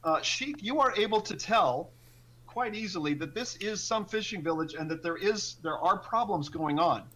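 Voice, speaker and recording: High, bright-voiced man as game master. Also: expressive, slight background noise. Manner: halting, explanatory. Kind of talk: narrating a tabletop role-playing game.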